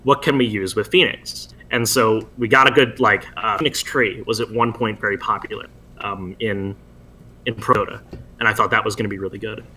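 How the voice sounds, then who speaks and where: A man who drafts for his team, rambling in a casual post-match chat, animated and joking, with frequent fillers. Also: fairly low pitch, a little fast.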